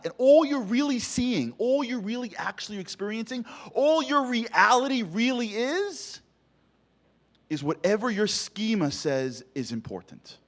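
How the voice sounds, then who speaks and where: A man giving a comic, storytelling motivational speech, punchy and full of rhetorical questions. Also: high-pitched. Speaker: motivational speaker.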